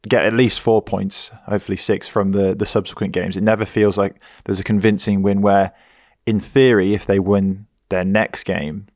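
Low-voiced man, dry sound. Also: creaky, darkish tone, no room sound. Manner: thoughtful, hedging, measured. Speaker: podcast co-host. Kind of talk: casual chat.

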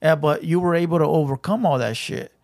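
A man with a fairly high voice hosts a casual conversation. He speaks in street slang, swears freely and peppers his talk with bro and dog. The sound is dry, with no room on it. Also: fairly quick, a little mellow, no echo. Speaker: podcast host.

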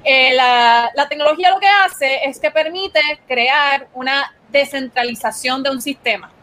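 A woman's voice: high voice, measured pace, bright, forceful tone, a little hiss or hum. A Puerto Rican woman giving a casual explainer as host of a gaming segment, mixing English words into her Spanish in Spanglish.

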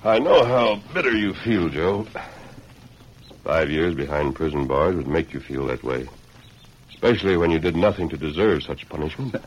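Calm and earnest, a masked western hero speaks through this actor's very deep, husky voice, measured and commanding in an old radio drama from the 1940s-50s. The sound is dull old-radio lo-fi with a little hiss or hum.

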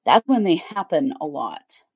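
Woman co-host, lower register, casual and giggly, reads the chat. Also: very animated, unhurried, darkish tone, slightly rough. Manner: laughs often, chatty, reads viewer chat aloud. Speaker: true crime channel co-host.

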